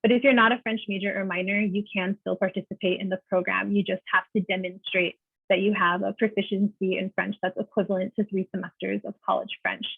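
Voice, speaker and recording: A woman giving a friendly, informative panel presentation on a video call, often pausing with "uh". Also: medium pitch, level tone, creaky, slightly rough, dry recording. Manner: friendly, informative, uses many "uh" fillers. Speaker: panelist presenting a teaching program. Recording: dry, phone-like video call audio.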